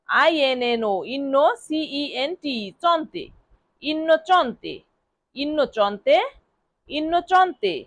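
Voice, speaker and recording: A woman's voice: high-pitched, a bit bright, dry recording. A woman teaching vocabulary. She repeats each word several times, spells it out letter by letter, and asks questions that she answers herself. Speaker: language teacher. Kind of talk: vocabulary lesson.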